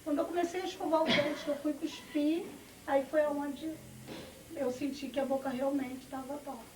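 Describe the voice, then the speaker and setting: A woman's voice: high-pitched, flat delivery, moderate pace, darkish tone, slight background noise. A middle-aged woman giving a personal testimony, telling her story with quoted family dialogue. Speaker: church testimony speaker. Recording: echoey, from far off, music behind.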